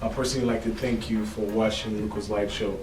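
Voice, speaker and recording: Male host, formal audience address, lowish voice, music bed, distant. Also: little pitch movement, fast. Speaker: show host. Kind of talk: season sign-off announcement. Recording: roomy, distant, music underneath.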